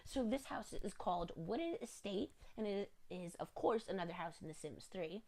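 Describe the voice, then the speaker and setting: A slightly sick woman with a congested voice talks through a home-building game video at a moderate pace. Her mid-range voice is expressive and darkish, and her narration is rambling, apologetic, and chatty, full of fillers.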